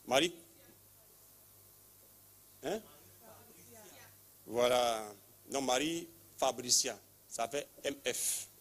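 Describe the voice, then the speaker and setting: Man, lay preacher, commanding, repetitive, mid-pitched voice. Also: drawn-out words, pauses often, a bit bright. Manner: commanding, repeats short phrases, calls people forward, leads call-and-response prayer. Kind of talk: charismatic healing service, prophetic calling.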